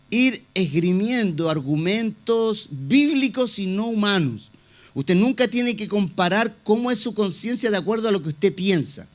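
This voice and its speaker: A male pastor preaching a sermon in a conversational way, asking rhetorical questions and often repeating phrases and using fillers. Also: high-pitched. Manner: asks the congregation rhetorical questions.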